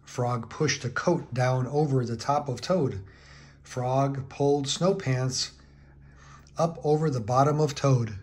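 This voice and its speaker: A man reading a children's picture book aloud, with slow, clear storytelling narration. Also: medium pitch.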